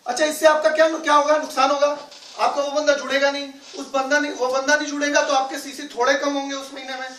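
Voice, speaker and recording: High-voiced male trainer in an echoey hall. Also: a bit bright. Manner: keeps asking the audience questions; mixes English phrases into his talk. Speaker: business trainer. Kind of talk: live training seminar talk. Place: training hall with a live audience. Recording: echoey room, voice from far off.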